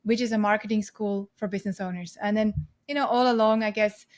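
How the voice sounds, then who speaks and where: A woman in her forties with a Swiss accent, a podcast guest chatting lively about her life with frequent laughs. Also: medium pitch, fairly quick. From Switzerland. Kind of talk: casual interview storytelling.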